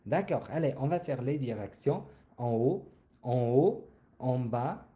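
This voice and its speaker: Slow, lively-voiced man teaching French. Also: mid-range voice. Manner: repeats words slowly, sings greetings. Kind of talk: slow, sung and drilled language lesson.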